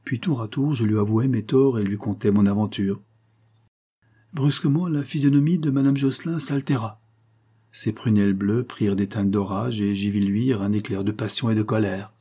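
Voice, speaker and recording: A man reading a classic French short story aloud in a measured literary style, as an audiobook narrator. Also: on the low side, warm tone, husky. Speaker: audiobook reader. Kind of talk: scripted narration.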